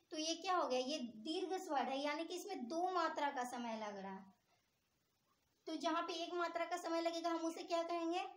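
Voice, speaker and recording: In a bare room full of echo, a woman with a very high voice teaches grammar. She keeps pausing to quiz the class, then answers her own questions.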